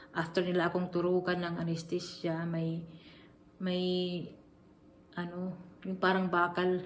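Flat-voiced Filipina vlogger, earnest. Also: female voice, fairly low pitch, slight background noise. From Philippines. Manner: earnest, confiding, addresses viewers directly. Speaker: family vlogger. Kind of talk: casual personal storytelling to viewers.

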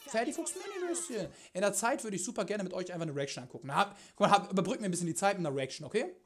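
A young man chatting casually on a live stream from his home kitchen, slangy and crude, swearing freely and swinging between mumbles and loud bursts. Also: sits high, racing. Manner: excitable, jumps between mumbling and loud outbursts.

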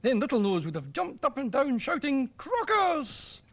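A British man reading a children's story aloud in a lively, expressive way. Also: very high-pitched, fairly quick, vocal fry.

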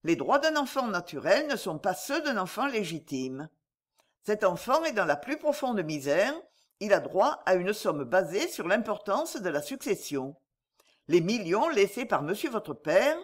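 A woman voicing a cool, calculating male agent in an audiobook, who sounds smooth and reassuring. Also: mid-range voice, very animated, a little slow. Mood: calm scheming. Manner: smooth, reassuring, coolly persuasive.

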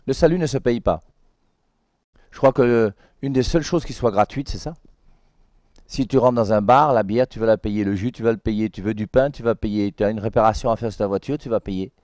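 Dark-voiced French priest preaching. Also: male voice, lowish voice, no echo. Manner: conversational, with frequent "hein" and repeated words; reads scripture aloud slowly and emphatically. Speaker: priest giving a Sunday liturgy commentary. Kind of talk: spoken Bible commentary.

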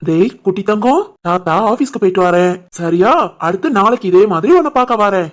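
A doting cartoon grandfather, voiced by a woman, speaks at an ordinary middle pitch with a southern Tamil lilt from the Tirunelveli area. He teases his wife playfully and fusses over his grandson. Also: animated, brisk, lightly acted. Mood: caring. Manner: teasing, warm, jokey. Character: joking older grandfather, doting and cheeky.

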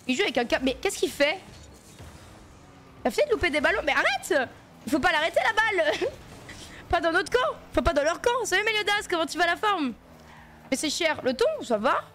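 Her voice sits high and a bit bright, with a little hiss or hum in the audio. She's a streamer talking to her chat in a relaxed, slangy way while she plays a game.

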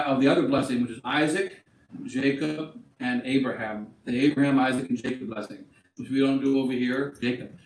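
A middle-aged man preaching a wedding sermon in a small chapel, declaiming and then dropping to quieter practical asides. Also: medium pitch. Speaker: bishop. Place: small chapel at an altar, indoors. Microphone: far camera. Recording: echoey room from a distant camera, faint hiss.

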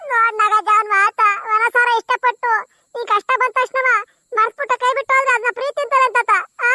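Cartoon girl, played by a woman: tearful, loyal, very high and bright, fast. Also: steady tone, a little hiss or hum, exaggerated voice. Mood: tearful complaint. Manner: tearful, pleading and indignant. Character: young village woman, heartbroken but fiercely loyal.

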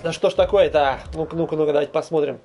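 A man's voice: fairly high pitch, steady tone, very fast, dark tone, soft background music. A young man giving informal, slangy gameplay commentary, muttering to himself over game sounds. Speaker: gamer commentating own play. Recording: faint noise, game sound behind. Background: fighting game sounds.

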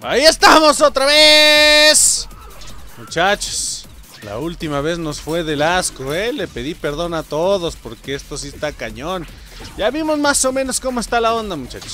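A young Mexican-accented man, high-pitched and brightly tense in tone, narrates his gameplay in a casual, excitable way. His voice leaps around in pitch as he yells and swears at the game. Faint game music plays behind him. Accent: Mexican Spanish. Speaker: gaming streamer.

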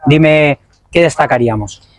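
A man's voice: a little high, unhurried, no room sound. A man in his forties hosting a padel vlog, interviewing a player outdoors at a tournament with a handheld mic, upbeat and prompting. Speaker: vlogger and interviewer.

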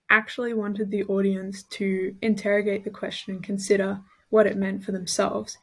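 A woman from Australia working as a tutor, giving an explanatory study-tips lesson in a clear, methodical way and showing emphasis with her own voice. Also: medium pitch.

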